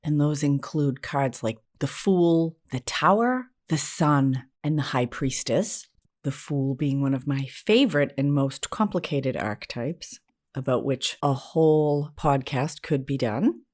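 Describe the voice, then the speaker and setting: A low, unhurried, slightly mellow voice belongs to an American woman from New England who is a therapist and spiritual teacher. She hosts a solo podcast in a candid, self-deprecating, conversational style with informal wording.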